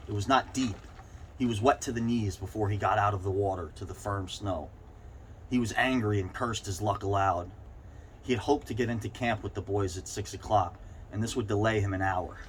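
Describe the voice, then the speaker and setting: A man reading a short story aloud, stumbling slightly over words now and then. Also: lowish voice. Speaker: reader. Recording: clearly noisy background ambience.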